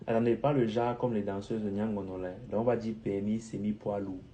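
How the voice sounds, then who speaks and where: A French-speaking man talking straight to camera in an animated, joking way while giving English accent tips. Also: on the low side, brisk, a little hiss or hum. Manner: animated and playful, with jokes and mock English phrases. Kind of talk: direct-to-camera vlog talk.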